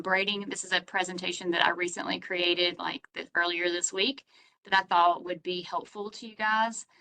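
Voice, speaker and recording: A woman's voice: fairly low pitch, bright, forceful tone, rough recording. A woman hosting online office hours, explaining grant application rules over a video call in a conversational, step-by-step way.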